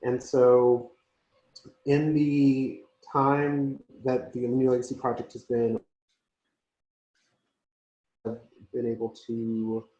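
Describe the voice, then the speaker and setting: A man speaking as a community organizer on a conference call whose audio keeps breaking up, talking in a slow, halting way with many pauses. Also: mid-range voice, flat delivery, dark tone. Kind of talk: speaking as a guest on a panel. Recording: muffled, echoey conference call line.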